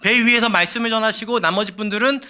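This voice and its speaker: A man's voice: sits high, fast talker, sharp tone. A man preaching a sermon as a pastor, with an emphatic delivery that rises and falls.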